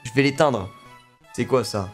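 A man's voice: mid-range voice, a little slow, faint music behind. A young man streaming a video game, chatting casually in slang and joking as he plays. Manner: slangy, joking, reacting aloud. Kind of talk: casual let's play commentary.

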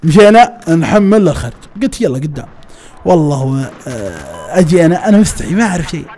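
Fast-talking Saudi man telling a story. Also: fairly high pitch. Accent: Saudi Najdi Arabic. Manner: lively, laughs often, colloquial, acts out dialogue. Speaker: storyteller recounting his past. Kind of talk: casual spoken storytelling.

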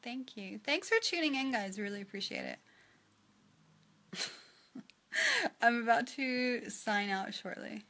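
This young New Zealand woman hosts a casual phone livestream from a small room, reading viewer comments aloud and answering them with frequent giggles. Her voice is a little high and fairly bright, and she takes it slowly with frequent pauses. The phone is held at arm's length.

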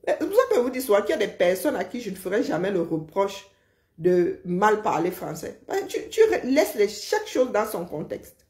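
A woman's voice: medium pitch, very animated, normal speed, darkish tone. A woman, ranting casually and mocking someone as she lectures. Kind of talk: casual live rant. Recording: roomy echo.

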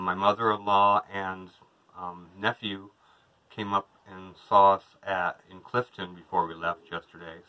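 A man's voice: sits low, sharp tone, poor audio. A man in his thirties, a vlogger, chatting casually to a camera across from him inside a small trailer. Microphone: camera a couple of metres away.

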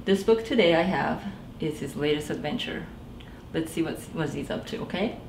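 A librarian in her thirties reads a picture book aloud at children's storytime in a small indoor library room, animatedly voicing the characters and speaking directly to the kids. Her voice is deep and gravelly at a moderate pace, and the echoey room carries faint background noise.

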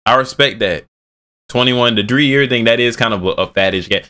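A man's voice: mid-range voice, normal speed, bright, forceful tone, smooth. A man of twenty giving slangy, rambling, joking commentary as a streamer reacting to a video, talking into a headset at home. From Bay Area.

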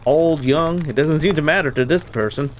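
A man's voice: on the high side, moderate pace, a little hiss or hum. Man, gamer, let's play commentary, jumpy, swears a lot, talks to viewers. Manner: jumpy, swears often, nervous laughs; talks to the viewers while playing. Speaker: gamer playing a horror game.

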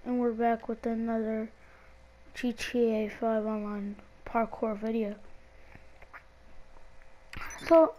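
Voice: mid-range voice, fairly even intonation, unhurried, warm tone, highs cut off. A young, school-age gamer giving casual, hesitant, rambling gameplay commentary, talking with a split lip. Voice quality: speech hindered by a split lip. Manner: hesitant, rambling, repeats words. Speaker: gaming video creator.

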